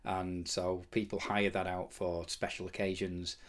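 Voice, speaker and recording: A man's voice: sits low, level tone, a little slow. A man hosting a podcast, talking casually and enthusiastically, often restarting his sentences. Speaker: podcast host.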